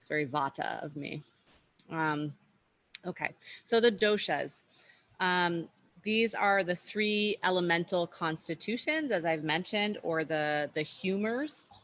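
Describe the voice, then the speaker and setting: A woman's voice: lowish voice, expressive, a little slow, fairly bright tone, no echo. A woman teaching an online workshop, explaining at an easygoing pace with frequent fillers and restarts, over a video call.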